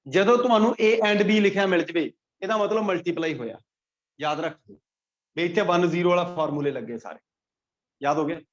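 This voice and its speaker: Brief: Punjabi male physics teacher, fairly high voice, drills students, lo-fi sound. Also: fairly quick. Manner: quizzes students by name, repeats points. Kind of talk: classroom lecture. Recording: dull lo-fi classroom recording.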